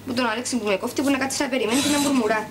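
A woman's voice: a little high, steady tone, very noisy, lightly acted. A woman with a Cypriot Greek accent playing a sulky, stubborn teenage daughter who talks in a whiny way. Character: sulky teenage daughter fussing over milk. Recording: sitcom audio with music underneath.

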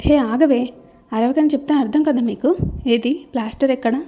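A bossy, cheeky young woman voiced by a woman narrator commands and scolds in a storybook reading. The voice is slightly high and very mellow in tone. She sounds firmly in charge. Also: normal speed. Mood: scolding.

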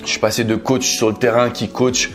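As an interview guest, a French coach and entrepreneur talks casually from a sofa in a living room. His voice is medium-pitched, level and a bit bright, moving a little fast; a clip-on lapel mic picks him up over background music.

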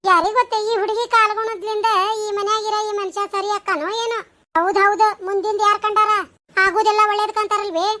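A woman's voice: extremely high pitch, bright, forceful tone. A woman with a North Karnataka Kannada accent voicing chatty, bossy village women at a wedding in a cartoon, talking in a teasing, gossipy way. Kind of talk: cartoon voice acting.

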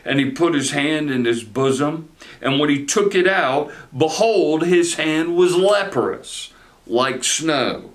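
A man in his forties, a pastor preaching a sermon from a chair in a study, animated and gesturing, often repeating words as he starts a phrase. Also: a little high, slow. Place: study with bookshelves, indoors.

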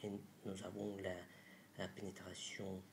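A man in his thirties with a foreign accent in French, a non-native speaker giving a halting instructional presentation, searching for words. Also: low voice, monotone, vocal fry, noisy background. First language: not French. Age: 30s. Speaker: doctor presenting an acupuncture method. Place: small room indoors.

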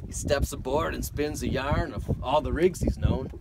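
A man's voice: mid-range voice, moderate pace, gravelly, heavy background noise, close to an everyday voice. Wayne, a wry ship's mate, as a man reads him out. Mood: doubtful. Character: gruff grown male ship's mate, doubtful and wry.

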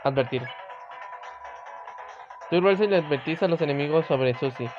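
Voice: mid-range voice, moderate pace. A gamer with an accent from Spain, giving casual let's play commentary and reading game text aloud. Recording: muffled phone-like capture, loud game music. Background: loud video game music.

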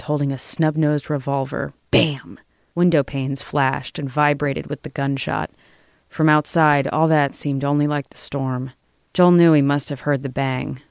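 A woman reading a thriller short story aloud in a measured, dramatic way. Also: low voice, gravelly, clean tone, no echo, clean studio sound. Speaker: story reader. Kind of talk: audiobook narration.

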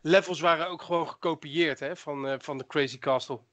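A man's voice: fairly high pitch, fairly even intonation, a little fast, a bit bright. A man co-hosting a podcast, chatting casually about old video games with short replies. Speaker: podcast co-host.

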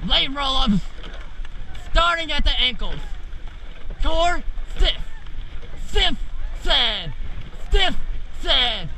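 A teenage male coxswain with a very high, piercingly bright voice. He calls race commands in short, urgent, repeated bursts, spaced out at a slow pace. It is recorded outdoors on a boat with faint wind and water noise. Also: very animated. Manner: urgent, clipped, repetitive commands. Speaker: rowing coxswain. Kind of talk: shouted race calls to a rowing crew. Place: outdoors in a racing shell on a lake. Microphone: camera mounted on the boat near the speaker.

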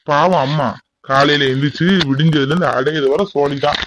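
A man's voice: fairly high pitch, steady tone, a little fast, fairly bright tone, no echo, low-quality recording. A man voicing a sarcastic, dismissive older brother in a cartoon, with a dry close sound. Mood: mocking. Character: stern older brother, mocking.

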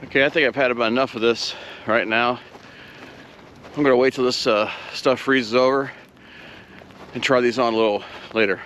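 A man from Ohio talks casually to a handheld camera while hiking a snowy trail. He sounds easygoing and self-deprecating, with plenty of "uh" fillers at a middling pitch. Faint outdoor noise hangs behind him. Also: fairly even intonation, moderate pace, long pauses, a bit bright. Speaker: outdoor vlogger.

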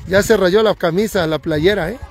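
A man with a Mexican accent giving excitable live commentary outdoors on a hillside, recorded on a handheld phone, repeating warnings and catchphrases. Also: sits high, moderate pace. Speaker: livestream commentator. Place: outdoors on a hillside race course.

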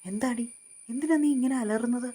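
A woman's voice: a little high, normal speed, dark tone, husky, pitched above the performer's own voice. A woman voicing a stern, short-tempered young husband who scolds and gives orders in a storybook reading. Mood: scolding. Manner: scolding, commanding.

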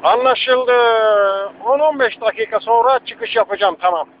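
Guy answering on a walkie-talkie, a bit high, hesitant, muffled with faint hiss. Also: normal speed. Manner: hesitant, with fillers. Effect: over walkie-talkie radio. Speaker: police officer on patrol. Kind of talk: radio reply to dispatch. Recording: muffled radio with faint static.

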